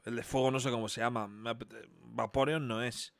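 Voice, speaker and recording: A young man with an accent from Spain, commentating a quiz game on a live stream. He talks excitably, swears often and bursts into shouts. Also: medium pitch, brisk, gravelly.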